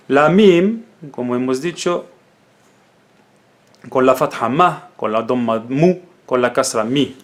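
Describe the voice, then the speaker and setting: In a mid-range voice, a man leads a patient spoken lesson on the Arabic alphabet, slowly repeating and drilling each syllable. Arabic is his first language.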